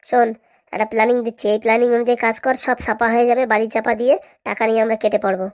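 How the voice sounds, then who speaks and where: A woman's voice: on the high side, flat delivery, very fast, lightly acted. A woman voicing a scheming middle-aged mother in a comic cartoon, giving bossy, conspiratorial instructions. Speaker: cartoon voice actor.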